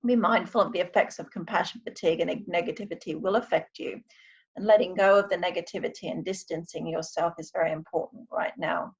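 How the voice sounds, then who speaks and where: Woman, gravelly fry, reassuring mindfulness coach, deliberate delivery, slightly dull recording, music behind. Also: on the low side, steady tone. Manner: reassuring, deliberate, addressing listeners directly. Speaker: wellbeing coach and meditation guide. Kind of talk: guided meditation and mindfulness talk.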